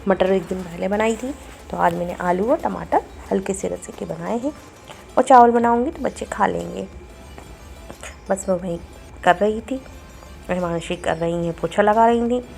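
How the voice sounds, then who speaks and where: A woman's voice: mid-range voice, moderate pace, vocal fry, long pauses, a little mellow, soft background music. A woman in her forties from India with a Bundelkhandi Hindi accent, chatting homely through her daily vlog at home in her kitchen. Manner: chatty, homely, retells family talk. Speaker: vlogger. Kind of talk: casual daily vlog narration.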